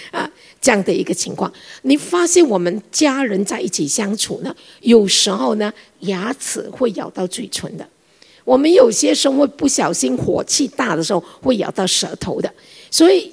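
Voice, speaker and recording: A middle-aged woman giving a sermon, telling a family story in an animated way and acting out the dialogue. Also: medium pitch, gravelly, slightly rough. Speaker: preacher.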